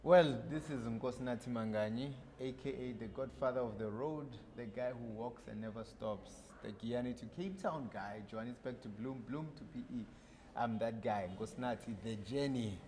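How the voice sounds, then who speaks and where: A man from South Africa, around his thirties, telling stories as a podcast guest in a relaxed manner with many fillers. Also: medium pitch, moderate pace, a little hiss or hum. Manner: relaxed storytelling with frequent fillers. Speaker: podcast guest, long-distance walker. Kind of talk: casual interview chat. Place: podcast studio.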